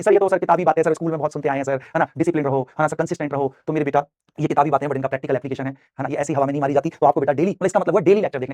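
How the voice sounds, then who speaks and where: A man, an animated coaching teacher giving an online chemistry lecture and calling his students "beta" like a father. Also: fairly high pitch, no echo, clean studio sound.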